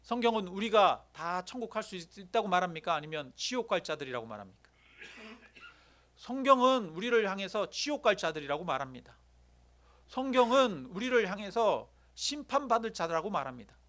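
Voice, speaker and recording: A man preaching a sermon as pastor, slowing to stress key words and putting questions to the congregation. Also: sits high, very animated, a bit bright. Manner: asks the congregation questions, addresses a member by name; slows and stresses key words, quoting voices.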